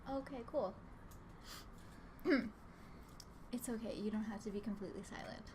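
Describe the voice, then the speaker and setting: A woman with a cold hosts a live drawing stream from home, her slightly high voice a bit nasal over an open desk microphone. She rambles along at a moderate pace with plenty of filler words, easygoing despite the noisy background.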